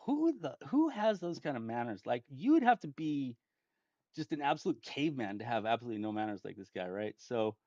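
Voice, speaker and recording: A gaming channel host rambles through a gaming story, restarting often and chuckling as he tells it. His medium-pitched voice is sing-song, brisk and dark. It's captured on a dull, lo-fi, dry home mic with no room sound.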